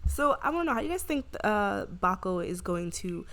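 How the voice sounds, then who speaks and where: Woman, game host, chatty, gossipy storytelling, mid-pitched voice. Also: sing-song, fairly quick, a bit bright, a little hiss or hum. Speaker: let's play host. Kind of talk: gaming commentary.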